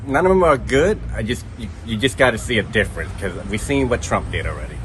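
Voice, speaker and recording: A man's voice: medium pitch, expressive, fast talker, fairly bright tone, a little hiss or hum. A man in his forties from Cambodia, interviewed outdoors, speaking plainly and bluntly.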